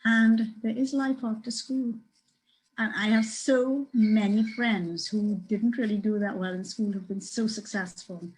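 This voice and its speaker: A Trinidadian woman moderating a webinar panel, speaking warmly but firmly in quick bursts. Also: mid-range voice, fairly even intonation, rough recording. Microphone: video call.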